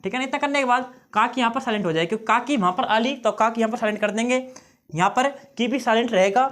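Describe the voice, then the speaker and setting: A man's voice: extremely high pitch, fast talker, a bit bright. A male teacher giving an exam-prep lesson on memory tricks, often checking in with his students and repeating key phrases.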